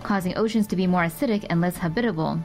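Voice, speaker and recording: A woman's voice: lowish voice, quick pace, a little mellow, faint music behind. Woman reading earnest news voice-over. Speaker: news narrator.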